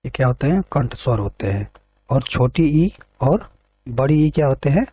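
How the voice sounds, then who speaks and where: A man's voice: mid-range voice, very animated, normal speed, warm tone, husky, dry recording. A man teaching an exam preparation lesson, reading each question and its options, then explaining the answer step by step and repeating points back.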